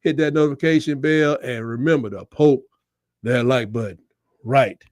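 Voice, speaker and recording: A man's voice: medium pitch, moderate pace, a little mellow, dry recording, studio quality. A man co-hosting a casual sports debate, joking in a folksy, colloquial way. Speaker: sports show co-host.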